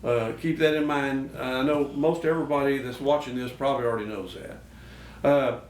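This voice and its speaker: A man's voice: mid-range voice, steady tone, normal speed. A man hosting a show, giving casual, instructional talk. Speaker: host of a duck call show. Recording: echoey noisy room, distant mic.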